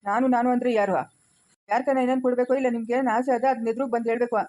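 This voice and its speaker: A woman playing a gruff older father-in-law in a homemade comedy skit, quick to challenge with questions. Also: fairly high pitch, steady tone, mellow, a little hiss or hum, natural voice. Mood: challenging.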